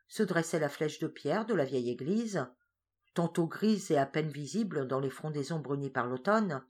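A woman reading a story aloud as narrator, slow and measured in the descriptive passages. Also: deep voice.

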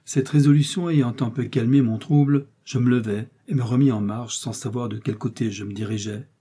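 A man reading a story aloud in a grave, steady narration. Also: mid-range voice, a little fast, breathy edge. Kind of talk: audiobook reading.

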